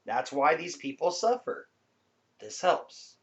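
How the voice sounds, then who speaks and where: A man with a slightly high voice talks informally, like a vlogger addressing viewers. He explains things in a laid-back, rambling way. The sound is a bit dull and lo-fi. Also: big pitch swings, slow, vocal fry. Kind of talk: casual informal talk to viewers.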